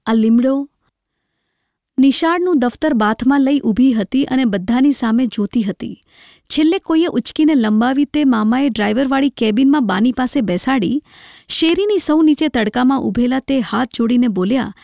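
A woman reads a literary story aloud, measured and reflective. Her voice is high with a gravelly creak. The sound is close and dry. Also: darkish tone, no echo. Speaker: narrator.

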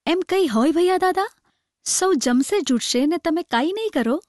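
A woman's voice: extremely high pitch, animated, moderate pace, a little mellow, dry recording, studio quality, voice pushed up. A woman doing an eager little village girl. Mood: coaxing. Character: little peasant girl, affectionate and lively.

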